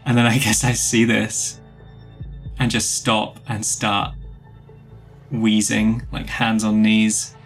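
A man's voice: on the low side, monotone, slow pace, vocal fry, long pauses, soft background music. Wry, laughing man player. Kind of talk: casual tabletop play.

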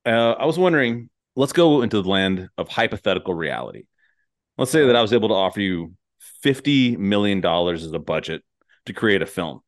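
A man with a fairly low voice hosts a casual comedic podcast conversation, speaking briskly and expressively. He rambles from thought to thought in a jokey way and swears freely.

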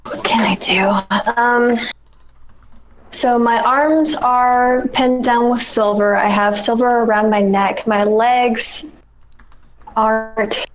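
A woman's voice: on the high side, poor audio. A woman playing a tabletop game over voice chat, planning her move aloud. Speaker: player.

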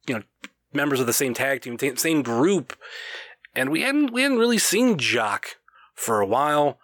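A man's voice: mid-range voice, fairly bright tone, no room sound, clean studio sound. Loose-talking man co-hosting wrestling chat. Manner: loose, profane, restarts mid-phrase. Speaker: wrestling podcast co-host. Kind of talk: casual chat.

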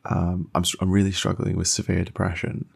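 Gravelly deep-voiced man, chatty. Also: fairly quick. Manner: animated, jokey, acts out quotes. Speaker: podcast co-host. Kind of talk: casual chat.

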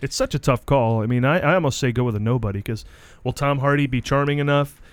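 A man's voice: mid-range voice, fast, smooth, no room sound. A man hosting a movie podcast, delivering wry, jokey asides and casual chat. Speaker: podcast host. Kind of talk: casual movie chat and scripted review intro.

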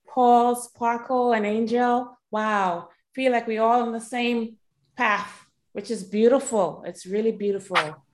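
A woman from Trinidad and Tobago, telling a personal story on a panel with hesitant pauses and frequent ums. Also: a little high, steady tone, slight background noise. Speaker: panel speaker, leadership coach. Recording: echoey room.

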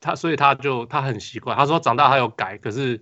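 A man co-hosting a casual podcast chat, talking haltingly with restarts and mixing Mandarin and English. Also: mid-range voice, sharp tone, muffled recording. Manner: halting, code-switching with many restarts. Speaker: podcast co-host.

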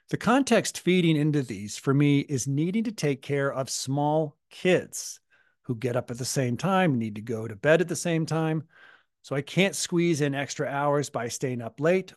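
A hoarse man with a gravelly, husky voice co-hosts a podcast in relaxed chat, recovering from being sick. He speaks thoughtfully, often restarting his sentences. The sound is close and dry, with no room around it. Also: mid-range voice, no echo. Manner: thoughtful, with frequent fillers and restarts. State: hoarse from a recent illness. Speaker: podcast co-host and coach.

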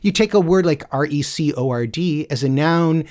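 A man co-hosting a casual chat about dictionaries, explaining in a measured way with some hesitations. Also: on the high side, a little mellow. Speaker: podcast co-host, dictionary editor.

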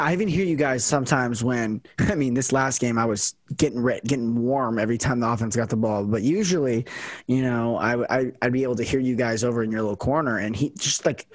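A man's voice: medium pitch, a little fast, dry recording. Young man chatting on a podcast, dry sound. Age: young adult. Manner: rambling, many fillers and restarts. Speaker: podcast host and college football kicker. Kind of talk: casual podcast chat.

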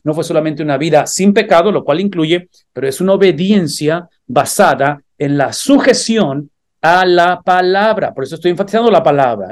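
A man teaching a church Bible class, earnest and explanatory, building emphasis through repeated phrases. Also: on the high side. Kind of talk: theological teaching.

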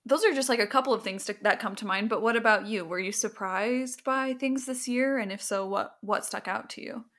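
A woman's voice: a little high, a little fast, fairly bright tone. A young adult woman co-hosting a podcast, speaking in a thoughtful, reflective way with casual fillers. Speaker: podcast co-host. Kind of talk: casual conversation.

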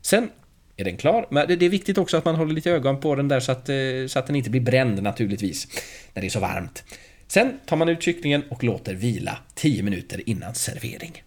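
A man's voice: mid-range voice, lively intonation. Man reading a roast chicken recipe. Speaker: podcast co-host. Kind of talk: reading out a recipe, casual chat.

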